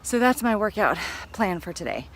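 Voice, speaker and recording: A woman's voice: medium pitch, sing-song, normal speed, slight background noise. A woman vlogging while walking outdoors, chatty and upbeat, with many fillers and a little out of breath. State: slightly out of breath. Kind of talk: casual vlog chat. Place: outdoors on a walk.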